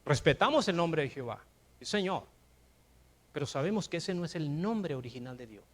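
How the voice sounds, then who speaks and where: An older man preaching a sermon in a Mexican accent, emphatic, with rhetorical questions and rising to shouts. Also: on the high side, animated, brisk. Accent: Mexican Spanish. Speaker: pastor.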